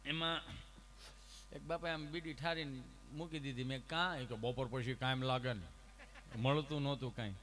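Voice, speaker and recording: A man telling comic folk stories to a live audience, full of lively anecdotes, acted dialogue and rhetorical asides. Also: mid-range voice, normal speed, a little hiss or hum. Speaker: comic storyteller. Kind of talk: Gujarati folk humor storytelling to a live audience. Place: stage at an ashram program.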